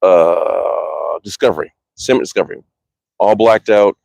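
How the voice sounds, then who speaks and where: Male archery streamer, casual and rambly with swearing, lowish voice, dry sound. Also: a little slow, creaky, a little mellow, no room sound. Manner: rambling, swears freely, reads viewer comments aloud. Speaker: archery livestreamer. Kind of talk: casual livestream chat. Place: outdoors in a cold, windy backyard.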